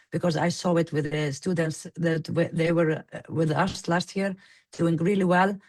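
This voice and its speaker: A man's voice: a little high, dry recording. Earnest man with a dry, close sound. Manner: emphatic, earnest. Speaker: webinar panelist. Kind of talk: webinar panel discussion.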